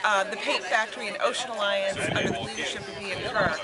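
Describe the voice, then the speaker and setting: A woman in her fifties, a city official, answering interview questions in a measured, matter-of-fact way outdoors. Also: mid-range voice, a loud crowd. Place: outdoors by a brick building. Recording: outdoor noise and nearby voices.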